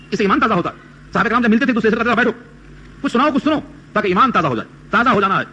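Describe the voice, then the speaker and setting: Brief: male preacher, high bright voice, patient explaining tone, faint noise behind. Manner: explains step by step, quotes Arabic verses. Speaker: Quran teacher. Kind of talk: sermon.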